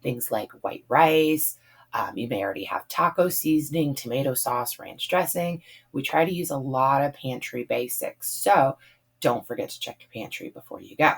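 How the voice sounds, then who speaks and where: A woman, hoarse from talking a lot, chatting casually through a budget meal plan with plenty of ums and likes. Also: extremely low pitch, animated, moderate pace. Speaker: budget meal planning vlogger. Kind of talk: casual voice-over.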